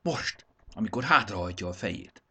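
A man's voice: husky, full character voice. A man doing an anxious young hero. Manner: excited, voice jumping up high. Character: young male hero, anxious but daring. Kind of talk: storybook reading.

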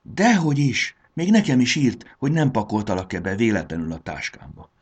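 A man voicing a polite, curious schoolboy who speaks softly. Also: lowish voice, expressive, husky, pitched above the performer's own voice. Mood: eager. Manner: polite, whispering.

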